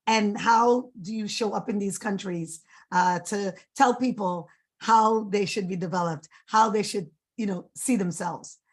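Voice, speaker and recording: A woman from Trinidad and New York speaks as a panellist at an average pitch. She is conversational and plain-spoken, giving an informal introduction. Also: unhurried. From Trinidad and Tobago and New York. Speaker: panellist, development consultant.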